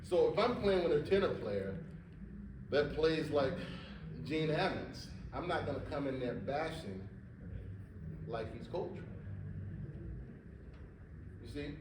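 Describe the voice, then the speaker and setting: A man giving a drum masterclass and telling stories, animated and repeating words for emphasis, recorded from far off in a conference hall. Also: fairly high pitch, slow, pauses often, background noise. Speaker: drum clinician. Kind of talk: masterclass talk with storytelling. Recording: echoey hall, mic far off.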